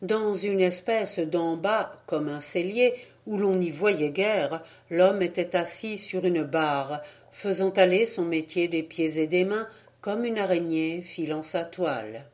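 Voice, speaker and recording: A woman reading a novel aloud as an audiobook narrator, measured and even. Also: on the low side. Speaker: audiobook reader. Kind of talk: scripted narration.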